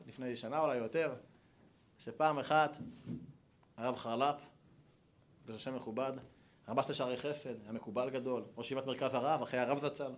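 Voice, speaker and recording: A male rabbi giving a Torah talk at a gathering, telling stories in an animated way. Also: medium pitch. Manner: animated storytelling, acts out voices.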